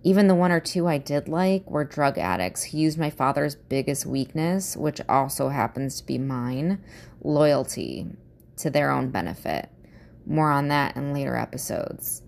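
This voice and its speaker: A woman of thirty with a low voice and plenty of vocal fry. She has a Midwestern American accent and talks like a valley girl. She hosts a casual solo podcast, speaking naturally into a phone. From Midwestern US, suburbs of Chicago. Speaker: podcast host.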